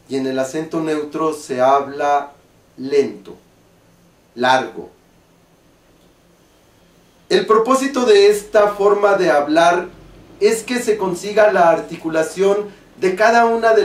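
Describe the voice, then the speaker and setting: A man with a Mexican accent, an acting teacher explaining stage diction slowly and deliberately. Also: high-pitched. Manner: slow, deliberate, carefully articulated explanation. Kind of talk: spoken lesson on stage diction. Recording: roomy, from a distance.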